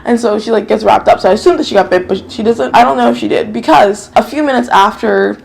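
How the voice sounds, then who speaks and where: Talking fast in a fairly high, darkish voice with vocal fry, this woman from New York, a native Japanese speaker, chats loosely through a drama review. She wanders off track, fixes her own words and drops occasional swears, with a little hiss or hum in the audio.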